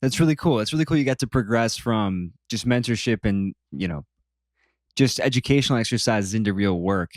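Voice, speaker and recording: A man's voice: on the low side, a little fast, no echo, studio quality. A man hosting a podcast, asking friendly, curious follow-up questions. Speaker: podcast host. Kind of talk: interview questioning.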